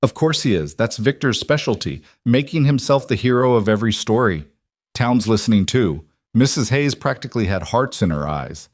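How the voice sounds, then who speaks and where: A man's voice: medium pitch, lively intonation, moderate pace, no echo, clean studio sound, lightly acted. A man voicing a guarded, brittle frontier woman.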